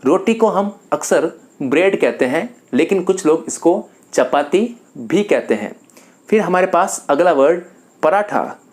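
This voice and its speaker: A man's voice: a little high, animated, a little mellow. Methodical male English teacher. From Rajasthan, India. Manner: methodical, repeats each word slowly. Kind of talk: vocabulary lesson.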